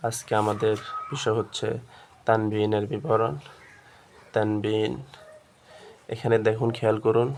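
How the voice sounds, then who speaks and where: A man teaching Quran reading in a slow, patient lesson, drilling syllables again and again. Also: lowish voice, a little hiss or hum. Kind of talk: step-by-step recitation lesson.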